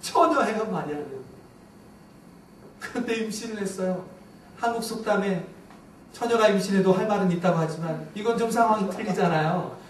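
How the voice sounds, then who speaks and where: A male pastor preaching a sermon with emphatic rises on repeated lists, dropping low and soft on key words. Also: normal speed, pauses often. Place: church sanctuary. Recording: echoey church room from a distance, faint background hiss.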